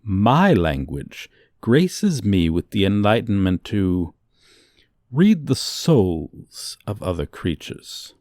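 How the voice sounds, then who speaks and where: A man plays a condescending dragon professor with a lowish voice that rises and falls dramatically. He speaks very slowly, in pompous, old-fashioned formal phrases, as in an ASMR fantasy roleplay. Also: sing-song, a little mellow, no room sound, clean studio sound. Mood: lofty, disdainful. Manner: pompous, archaic, formal diction. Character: haughty dragon professor, condescending, lecturing a human student.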